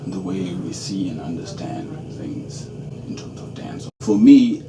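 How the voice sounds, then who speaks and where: A man from Senegal, a dance graduate student giving measured interview answers and checking in with "okay?". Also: sits low, music in the background. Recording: roomy, distant and noisy.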